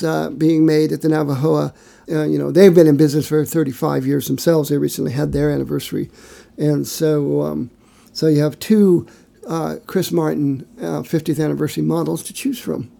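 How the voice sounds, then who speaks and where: A man's voice: a little high, little pitch movement, moderate pace, vocal fry, dark tone. A man co-hosting a podcast, giving long, rambling, detailed explanations in casual chat with many fillers. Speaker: podcast co-host.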